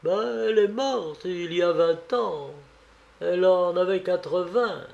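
An old woman past eighty speaks plainly and earnestly, as a male storyteller puts her on. The voice is slightly raised above the narration. The telling is slow and storybook-like. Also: high voice, creaky, a little mellow, dull audio, voice pushed up.

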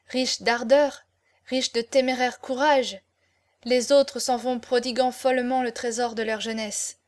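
A woman's voice: a little high, lightly acted. A woman reading the part of an ardent young male swordsman in love, with impassioned declamation. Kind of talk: audiobook character reading.

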